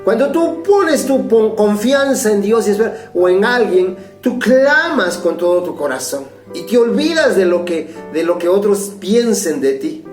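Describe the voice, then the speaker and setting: A man's voice: high-pitched, sing-song, measured pace, hardly any pauses, reverberant, soft background music. A man with a Mexican Spanish accent preaching a fervent, urgent sermon as pastor.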